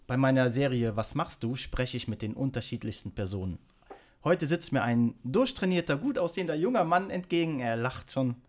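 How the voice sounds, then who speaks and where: A man's voice: mid-range voice, lively intonation, normal speed, darkish tone. Man, podcast host, upbeat, chatty questions, mid voice. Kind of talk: casual interview.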